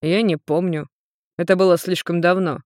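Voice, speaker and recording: A woman's voice: lowish voice, fairly even intonation, normal speed, a little mellow, no echo, studio quality, lightly acted. A woman voicing a carefree, joking male demon who is centuries old, in a storybook reading. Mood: breezy. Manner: breezy, joking, scatterbrained.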